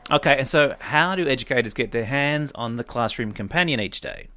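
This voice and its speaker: A man hosting a podcast interview, upbeat and brisk in his questions and sign-off. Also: medium pitch, expressive, sharp tone. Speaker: podcast host.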